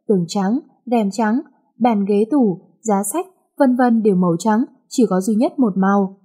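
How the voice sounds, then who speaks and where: Woman reading a romance story out loud, chatty, warm husky voice. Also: medium pitch. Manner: lively, chatty narration. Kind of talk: first-person romance novel reading.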